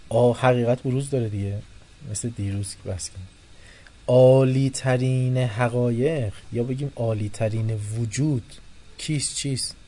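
A man giving a religious philosophy lecture to a class, animated, moving between soft and loud and acting out the people he quotes. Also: mid-range voice. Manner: animated, shifting loudness, quotes and acts out people.

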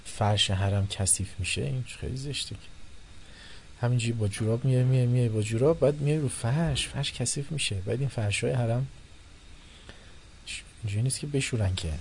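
A man giving a religious philosophy lecture to a class, animated, moving between soft and loud and acting out the people he quotes. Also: medium pitch, pauses often, a little hiss or hum. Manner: animated, shifting loudness, quotes and acts out people.

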